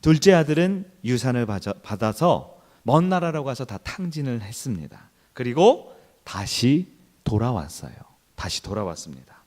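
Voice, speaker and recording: A male pastor giving a sermon in church, telling a story with acted-out quotes and swinging between soft and loud. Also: medium pitch, sing-song, moderate pace.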